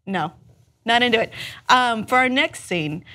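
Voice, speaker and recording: A woman's voice: fairly high pitch, expressive, measured pace, sharp tone. A woman hosting a casual pop-culture talk show, recapping deleted film scenes conversationally and laughing often. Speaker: host.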